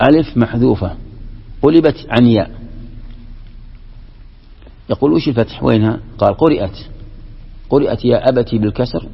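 Man, sheikh giving a lesson; rough, husky voice, recorded dull and lo-fi. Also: mid-range voice. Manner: explains step by step, poses questions to students. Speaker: sheikh teaching Quran commentary. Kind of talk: classroom lesson on scripture and grammar. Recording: dull lo-fi recording with long hall reverb.

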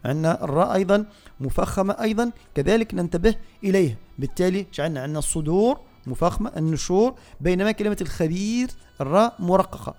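A man with a Tunisian accent teaching Quran recitation on the radio, explaining pronunciation slowly and repeating words to correct them. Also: high-pitched, lively intonation, darkish tone, faint music behind. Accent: Tunisian Arabic. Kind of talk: radio tajweed lesson with recitation. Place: radio studio.

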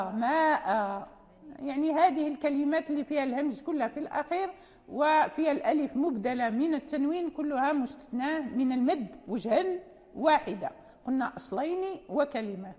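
A woman's voice: sits high, lively intonation, fairly quick, big-room sound, lo-fi sound. A woman teaching Quran recitation rules, explaining patiently and repeating key points. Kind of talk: recorded lesson.

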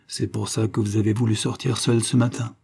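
A man's voice: fairly low pitch, brisk, gravelly, husky. Man voicing a sneering, jealous husband. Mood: accusing. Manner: sneering, interrogating, flat and cold.

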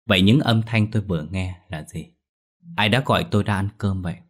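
A man narrating a ghost story in a hushed, suspenseful way. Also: low voice, a little fast.

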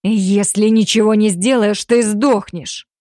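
A woman voicing a ruthless male werewolf clan alpha in an audiobook, barking threats slowly and loudly. Her delivery is drawn out and domineering. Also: mid-range voice, fairly even intonation, dry recording, studio quality, lightly acted. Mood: furious. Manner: barking, threatening, slow and loud. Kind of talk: audiobook character voice.

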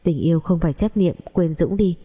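A woman's voice: fairly low pitch, a little fast, dark tone, breathy edge. A woman voicing a wealthy middle-aged father who talks in a resigned, advising way.

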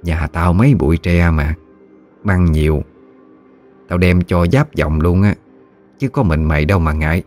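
A man's voice: deep voice, normal speed, pauses often, darkish tone, soft background music, natural voice. A man voicing gossipy old delta grandma. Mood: bossy. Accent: Mekong Delta Vietnamese. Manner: blunt, familiar, talks down fondly. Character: chatty old village woman over sixty, bossy.

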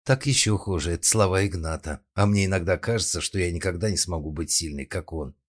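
A man's voice: low voice, brisk. A man voicing a stern, protective young woman in an audiobook, speaking sarcastically and scolding her friend. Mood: tearful.

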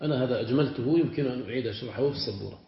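A man's voice: medium pitch, rapid-fire. A man teaching a classroom grammar lesson as a sheikh. He repeats word forms aloud and keeps checking whether his students follow. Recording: roomy, dull lo-fi classroom recording.

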